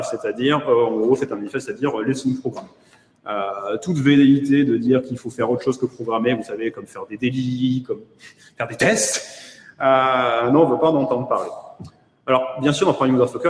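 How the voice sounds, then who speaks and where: Delivering an online conference keynote, a man with a French accent speaks in a mid-range voice, hesitant and full of fillers and wry asides. The room is echoey with long reverb, and there's slight background noise.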